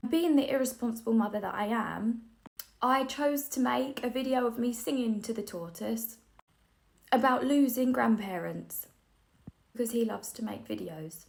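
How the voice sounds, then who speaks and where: A woman's voice: on the high side, normal speed, creaky. A woman in her thirties, close to tears, telling a candid, self-deprecating story about being a mum. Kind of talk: emotional storytime vlog.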